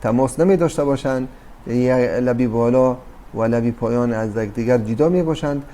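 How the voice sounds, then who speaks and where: This mellow, mid-range male voice belongs to a teacher giving a recorded lesson on Quran recitation. Addressing the audience as dear brothers and sisters, he explains with patience, though fillers and restarts creep in.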